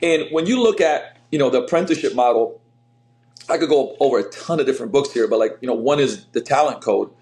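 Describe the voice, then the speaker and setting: Man, middle-aged, from Slovenia, fitness coach, energetic, rambling, casual interview, echoey room. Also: mid-range voice, quick pace. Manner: energetic, rambling, lots of fillers. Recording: roomy echo.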